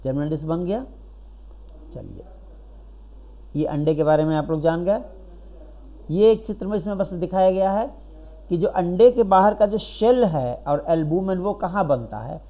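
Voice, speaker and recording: A man's voice: sits high, normal speed, pauses often, dark tone. A man giving a biology lecture who explains step by step, asks questions and answers them himself, and keeps checking in with his students. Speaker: biology teacher. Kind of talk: recorded classroom lecture.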